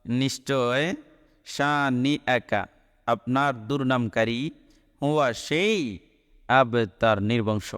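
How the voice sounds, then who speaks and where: A man teaching how to recite a short Quran chapter, spelling out each letter and vowel mark before chanting the verse in long, drawn-out tones. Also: medium pitch, clear, resonant tone. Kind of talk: slow recitation lesson. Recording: long echoing reverb.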